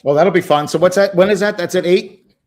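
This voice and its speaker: A man chatting on a casual livestream, enthusiastic and halting, often restarting his sentences. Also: high voice, a little mellow.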